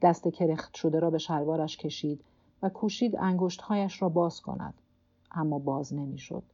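A woman narrating a literary audiobook in a calm, measured reading. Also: low-pitched, muffled recording.

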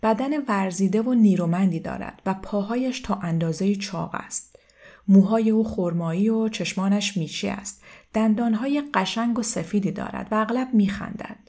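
A woman's voice: dark tone, natural voice. A woman reading aloud and voicing a distraught, confused woman in her thirties who talks in an anxious, pleading way. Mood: agitated. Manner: pleading, agitated, raised pitch.

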